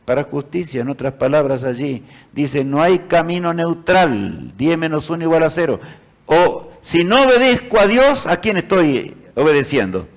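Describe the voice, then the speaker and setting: A man preaching a sermon, speaking to his listeners as brothers, swinging between loud declarations and hushed passages. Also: a little high, big pitch swings, normal speed.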